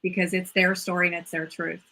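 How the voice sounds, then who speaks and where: A woman, host and yoga mentor, runs a casual video-call interview with enthusiasm and chattiness, often repeating phrases and saying "like." Her lowish voice is level, brisk and sharp in tone.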